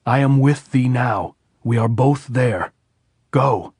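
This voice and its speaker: A man voicing a wounded soldier who speaks calmly and reasonably, with quiet authority. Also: lowish voice, a little slow, husky, no echo, studio quality. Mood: shouting. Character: wounded male American soldier, calm and commanding.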